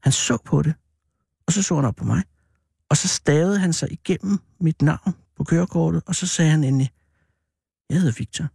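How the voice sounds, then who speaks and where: A man hosting a show, telling a personal story in an animated, drawn-out way that turns hesitant, with many fillers. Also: on the high side, creaky, breathy edge, no room sound, clean studio sound. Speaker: radio host.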